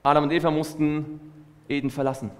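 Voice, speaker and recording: A preacher giving a sermon in short phrases, pausing for the interpreter and asking rhetorical questions. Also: mid-range voice, level tone. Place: hall. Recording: long hall reverb.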